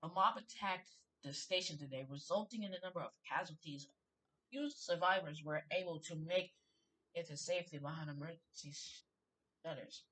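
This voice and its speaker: A woman narrating her own horror game playthrough, with a bright, sharp tone. She reads documents aloud haltingly, then jumps to loud startled cries. Her voice sits a little away from the mic. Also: deep voice, distant mic, poor audio. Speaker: gaming streamer. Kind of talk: let's play commentary.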